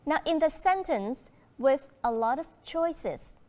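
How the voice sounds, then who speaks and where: A woman with a Vietnamese accent teaching a primary school English lesson, speaking slowly and clearly and switching between English and Vietnamese. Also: high voice, animated, darkish tone, big-room sound.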